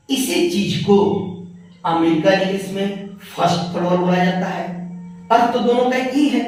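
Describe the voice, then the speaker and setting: Man, Indian accent, teacher, lesson, high voice, heavy room echo, far from mic. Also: a little mellow. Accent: Indian English. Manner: slow, deliberate reading of English lines, then explaining in Hindi. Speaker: English lecturer. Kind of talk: board-exam English lesson.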